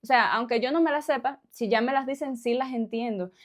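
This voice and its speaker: Cuban woman, casual vlog chat, fairly high voice, laughs a lot. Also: fairly quick. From Cuba. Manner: chatty, laughs often, tag questions. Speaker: vlogger.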